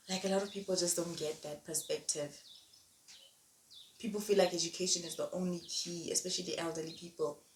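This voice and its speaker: A woman's voice: fairly low pitch, fairly even intonation, moderate pace, pauses often. Young woman, emphatic motivational talk, distant mic with room echo. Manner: emphatic, repeats key phrases. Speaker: vlogger. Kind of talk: motivational monologue. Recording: echoey room, distant mic, faint noise.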